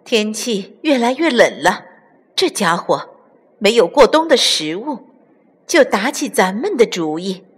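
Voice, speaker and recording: A woman voicing a wise, calm mother hen who explains and reassures in a storybook, with long reverb. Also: mid-range voice, a little slow, slightly rough.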